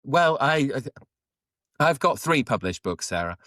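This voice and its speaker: A man in his fifties from the UK, a school principal and author guesting on a podcast, answering in a measured, dryly humorous way. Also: medium pitch, very animated, pushed and bright, no echo, studio quality. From United Kingdom. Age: 50s. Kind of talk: interview answers.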